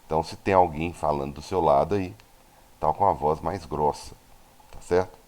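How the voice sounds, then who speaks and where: A man's voice: extremely low pitch, normal speed, a little mellow. A Brazilian man teaching a recorded physics lesson. He explains step by step and keeps checking in with his students through short tag questions. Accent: Brazilian Portuguese.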